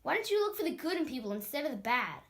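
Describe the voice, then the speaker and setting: A woman's voice: high voice, big pitch swings, rapid-fire. A woman playing sensible young Watson. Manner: patient, encouraging, gently teasing. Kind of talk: amateur audio drama acting.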